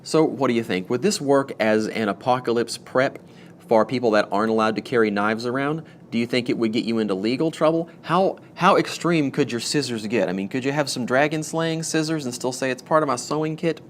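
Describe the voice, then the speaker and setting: Male homestead host, middle pitch, casual and rambling, slightly over-caffeinated, faint background noise. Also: brisk. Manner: rambling, chatty, self-mocking asides. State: jittery from too much coffee. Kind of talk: casual talk to camera.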